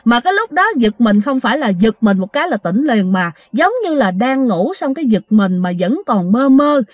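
A woman tells a ghost story in a loose, chatty way, full of fillers and asides to her listeners. Her voice sits a little high. The recording is dry and somewhat muffled. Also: big pitch swings, moderate pace, dry recording. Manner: chatty, addresses listeners directly, many fillers. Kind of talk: casual spoken storytelling.

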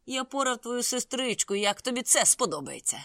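A reader voicing a quarrelsome, hot-tempered young man who shouts high-pitched, indignant outbursts in an audiobook. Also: animated, normal speed, no echo, clean studio sound. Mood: taunting.

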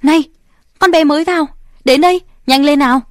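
A gruff factory foreman, played by a woman reader yells orders in a raised, strained voice. He is bossy and quick to anger. The storybook reading is close and dry. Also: a little high, dry recording, close to an everyday voice. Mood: angry shouting.

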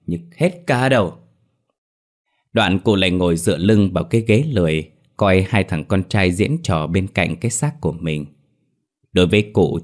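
A man narrating a ghost story in a steady, wry storytelling manner. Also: low-pitched.

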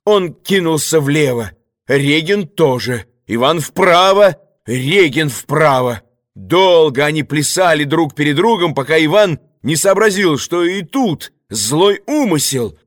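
A man reading a novel aloud as an audiobook narrator, deliberate and expressive. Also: on the high side, no room sound, clean studio sound. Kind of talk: scripted narration.

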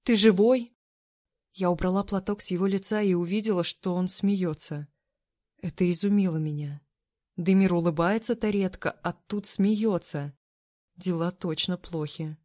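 A woman reading a novel aloud as first-person scripted narration, in a steady, even storytelling manner. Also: on the low side, moderate pace, no echo, clean studio sound. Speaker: audiobook narrator.

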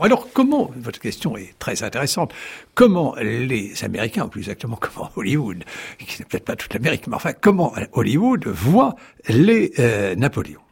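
A man speaking as a historian guest in a radio studio interview, telling his story in an animated way with wry asides and frequent restarts. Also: medium pitch, gravelly, slightly rough. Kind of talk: radio interview, explaining at length.

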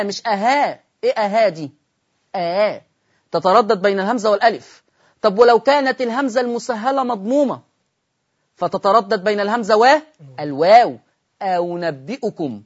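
Speaking in a high voice with an Egyptian Arabic accent, a man leads a broadcast Quran recitation lesson, asking his students rhetorical questions and modeling each word very slowly. The sound is dull and slightly lo-fi.

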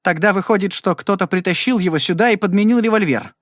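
A man's voice: high-pitched, fast talker, fairly bright tone, no echo, studio quality, voice pushed up. A man reading an audiobook and voicing an earnest, stubborn young cowboy who speaks emphatically. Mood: insistent. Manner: emphatic, pleading.

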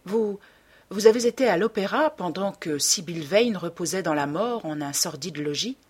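A woman's voice: lowish voice, expressive, moderate pace, breathy edge. A woman reading the part of a sorrowful, reproachful male painter in an audiobook.

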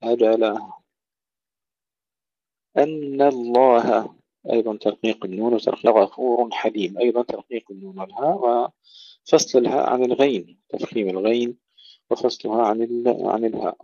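A man teaching tajweed. He recites words slowly and carefully, then explains each rule in a plain voice. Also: medium pitch, fairly even intonation, dark tone, no room sound. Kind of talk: tajweed lesson with slow demonstrative recitation. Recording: dull, dry close recording.

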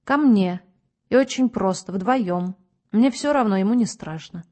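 A woman voicing a blunt, gruff male physicist who grumbles and shouts in short, curt phrases. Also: medium pitch, a little slow, close to an everyday voice.

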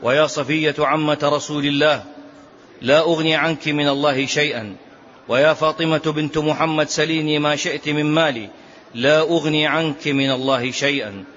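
A man's voice: a little high, steady tone, brisk, a bit bright. A man teaching a religious lesson on prophetic biography, reciting narrations emphatically and repeating key phrases. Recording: dull lo-fi lecture recording.

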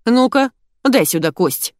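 A woman doing a shrill, fussy wife whose voice jumps up high and swoops around as she nags. It's a storybook reading, recorded close and dry. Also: animated, unhurried, dry recording. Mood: gossiping. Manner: shrill, emotional, nagging. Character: shrill excitable wife, quick to nag. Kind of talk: audiobook character voice.

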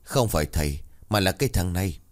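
A man's voice: deep voice, animated, quick pace. A man voicing a hot-tempered old exorcist teacher who scolds and curses. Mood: urgent.

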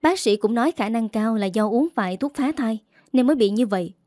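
A woman's voice: fairly high pitch, expressive, a little fast, a little mellow, dry recording, studio quality, natural voice. A woman voicing a spiteful young woman making a sneering accusation. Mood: accusing.

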